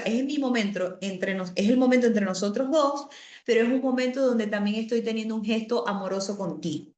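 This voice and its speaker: A woman lectures over a video call, her mid-pitched voice explaining things patiently. She circles back to key words and adds asides as she goes. The call audio carries a noticeably roomy echo. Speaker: teacher. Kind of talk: online class lecture. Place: home or office on a video call. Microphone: computer mic on a video call.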